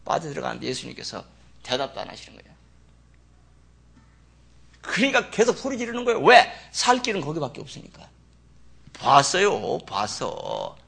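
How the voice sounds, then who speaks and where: A man preaching a sermon with a gravelly, husky voice that sounds bright and edgy. His pitch swings widely as he talks. He keeps turning to the congregation with folksy asides. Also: normal speed, long pauses. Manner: animated, acts out Bible figures in dramatic voices. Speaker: pastor.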